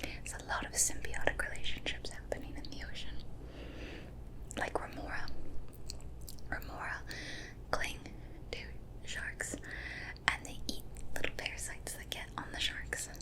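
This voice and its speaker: A woman's voice: measured pace, pauses often. A young adult woman giving whispered ASMR narration, cupping her hand and whispering very close to the mic without voicing. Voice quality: unvoiced whisper. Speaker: ASMR host. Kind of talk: whispered ASMR, reading fun facts. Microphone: extreme close-up mic.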